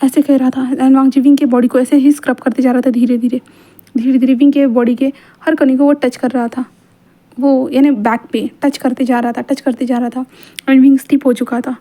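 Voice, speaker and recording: A woman's voice: sits high, little pitch movement, a little fast, mellow. A woman casually narrating a fan fiction story in a chatty, loose way, full of fillers.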